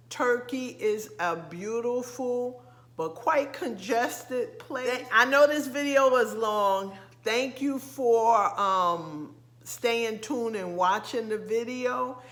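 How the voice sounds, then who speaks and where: A middle-aged woman from the United States with a slight lisp, talking casually to camera as a vlogger, halting with frequent ums and restarts. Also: fairly high pitch, a bit bright. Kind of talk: casual vlog talk to camera.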